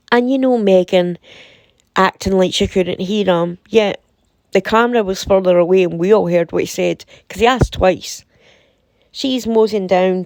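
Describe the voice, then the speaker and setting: Slow-paced British-based woman with a sore throat. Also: mid-range voice, darkish tone, dry recording. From United Kingdom. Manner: deliberate, emphatic, repeating phrases for effect. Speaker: commentator reading and reacting to a website. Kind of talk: casual opinionated commentary.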